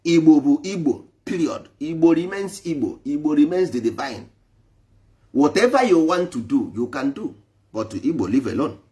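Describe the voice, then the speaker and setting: A traditional spiritual speaker preaches emphatically to a live online audience, repeating his points for force and switching between English and Igbo. His voice is fairly high and dark in tone, animated, at a normal speed.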